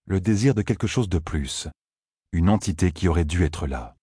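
Deep raspy guy reading an audiobook, steady pace, super dry sound. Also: normal speed, no room sound. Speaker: narrator. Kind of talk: audiobook narration.

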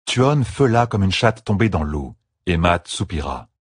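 A man narrating an audiobook in an even, measured storytelling voice on a close studio mic. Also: low voice, breathy edge, no echo. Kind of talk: scripted narration.

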